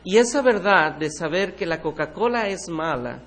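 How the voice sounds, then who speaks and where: High-voiced earnest preacher man. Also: animated, moderate pace, a bit bright. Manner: earnest, asks the congregation questions. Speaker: pastor. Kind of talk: sermon. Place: church.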